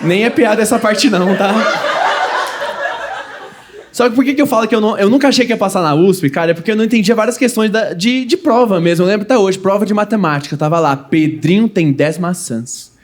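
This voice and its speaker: On a comedy stage before a live audience, a young man from Goiás, Brazil, performs a stand-up set in a high voice, with a little hiss or hum in the recording. He tells stories fast, acting out quoted lines between audience laughs.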